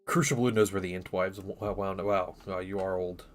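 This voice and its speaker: Deep-voiced man in his thirties streaming. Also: brisk, faint music behind. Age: 30s. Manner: relaxed and rambling, reads viewer chat aloud while assembling models. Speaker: live-streaming miniature painter. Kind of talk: casual live-stream chat.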